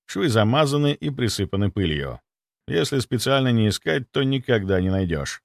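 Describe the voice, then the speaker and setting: A man's voice: mid-range voice, big pitch swings, moderate pace, creaky, no echo, studio quality. A man narrating a first-person audiobook in a tense, wry storytelling manner.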